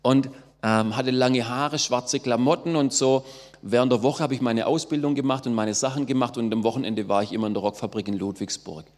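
A man's voice: medium pitch, fairly even intonation, brisk, a little mellow. A middle-aged man from southwest Germany giving a personal testimony, storytelling with fillers and acting out quoted voices. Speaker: testimony speaker. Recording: long hall reverb.

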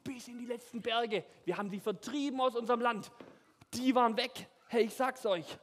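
A man telling a Bible story to children in character, playful and animated, speaking straight to them. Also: extremely high pitch, moderate pace. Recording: echoey hall.

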